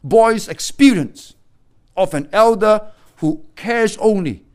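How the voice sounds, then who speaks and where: A middle-aged male pastor delivering a sermon in a fairly high voice. He preaches emphatically, rising into loud, urgent appeals and then dropping to quiet, grave warnings. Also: animated, slow.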